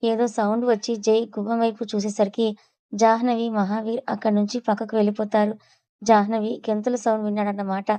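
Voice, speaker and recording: A woman narrating an audio story with a steady, even reading. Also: mid-range voice, brisk, low-quality recording.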